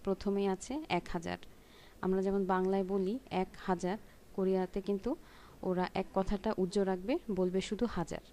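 A woman giving a spoken language lesson, explaining patiently step by step and repeating pronunciations slowly. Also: mid-range voice, little pitch movement, mellow, a little hiss or hum. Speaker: Korean language teacher.

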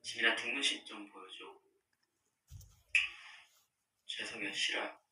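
A young male livestream host chats casually with fans, soft-spoken and mid-pitched with a steady, slightly slow delivery, often drifting into murmurs and whispers and laughing a lot. He sits indoors at a long table against a dark wall. The device camera across the table records him roomy and slightly off-mic, in an echoey space with slight background noise.

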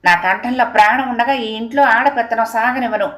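A woman's voice: a little high, brisk, fairly bright tone, natural voice. Stern middle-aged father who rules the house, read by a woman narrator. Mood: angry. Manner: domineering, threatening. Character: stern old-fashioned village father, middle-aged man. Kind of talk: audiobook character reading.

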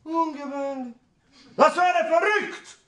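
An actor playing a blustering, indignant old village father on stage, with emphatic, contained shouting. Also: very high voice, slow pace, recorded from a distance, exaggerated voice. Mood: outraged, shouting. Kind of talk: stage musical acting in German, spoken and half-sung. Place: theatre stage. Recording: roomy theatre stage recording.

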